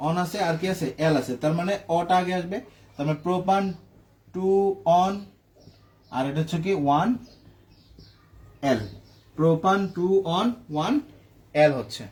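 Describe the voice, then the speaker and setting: A man with a high voice teaches a chemistry class, walking students through the steps. He asks a question and answers it himself, then checks that everyone is following. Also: moderate pace, long pauses, a little mellow. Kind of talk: classroom lecture.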